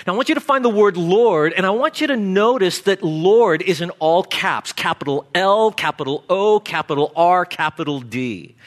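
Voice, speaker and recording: A guest pastor preaching a sermon with emphatic, deliberate delivery. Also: male voice, sits high, expressive.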